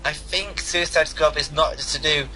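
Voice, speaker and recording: Bright-voiced young podcast co-host. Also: male voice, on the high side, fairly even intonation, normal speed, low-quality recording. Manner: enthusiastic, repeats himself, casual swearing. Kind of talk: casual podcast chat.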